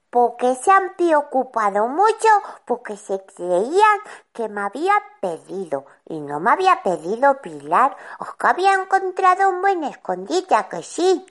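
A woman's voice: high voice, fairly bright tone, heavily acted. A woman voicing a chatty, stubborn little boy who tells a children's-show story and acts out every voice in it. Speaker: child character.

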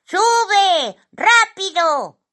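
A woman's voice: medium pitch, big pitch swings, slow, sharp tone, full character voice. A woman voicing an old, clever and sly female magpie in a storybook reading, with a bossy, teasing manner. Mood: urgent. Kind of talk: storybook narration.

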